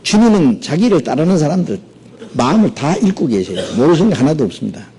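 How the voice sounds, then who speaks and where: A male pastor preaching a sermon, animated and often checking in with his listeners through quick rhetorical asides. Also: a little high, slightly rough, low-quality recording. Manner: animated, peppers talk with rhetorical "예?".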